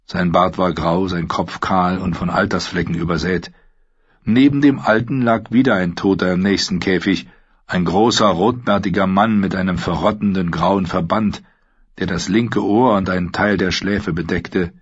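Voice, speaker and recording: A man narrating an audiobook in a steady, measured reading. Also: deep voice, husky, no echo. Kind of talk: scripted narration. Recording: dull lo-fi sound.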